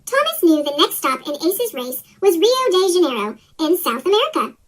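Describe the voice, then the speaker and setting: A woman reads a children's story aloud as scripted narration, with her voice sped up by a chipmunk pitch-shift effect. Her delivery is sing-song at a moderate pace.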